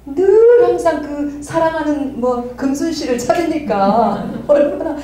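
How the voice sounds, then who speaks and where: A woman's voice: high voice, expressive, measured pace, dark tone, a little hiss or hum. A middle-aged woman candidly sharing a personal testimony at a church study group, often laughing as she talks. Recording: distant mic in an echoey room.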